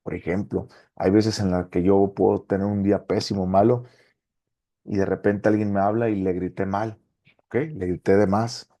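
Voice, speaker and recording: A man, a pastor, teaching a Bible study with animated delivery, often pausing to ask his listeners if they follow and reading verses aloud. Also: low voice. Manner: animated preacher, asks rhetorical questions and reads verses aloud.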